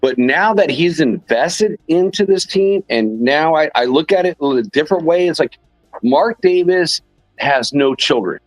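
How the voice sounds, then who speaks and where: A man's voice: a little high, expressive, unhurried, dry recording, soft background music, low-quality recording. An older man on a casual podcast panel who rambles and repeats himself for emphasis.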